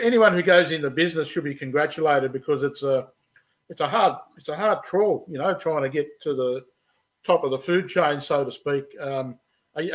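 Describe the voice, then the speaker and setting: A middle-aged man co-hosting a casual show, chatty and joking, with restarts. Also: on the high side. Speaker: podcast co-host. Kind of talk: casual chat. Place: studio room, then wood workshop.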